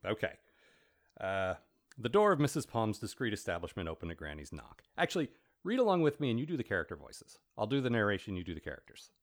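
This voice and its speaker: A man co-hosting a relaxed book podcast, with a deep, low voice. He rambles and restarts as he talks things through. When he reads, he narrates at length. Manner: rambling, halting, with many restarts. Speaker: podcast co-host. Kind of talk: casual book discussion and reading aloud.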